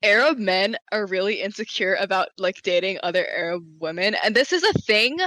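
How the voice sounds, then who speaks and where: A woman talking casually as a convention panelist, animated and laughing, with lots of "like". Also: mid-range voice, brisk, no room sound.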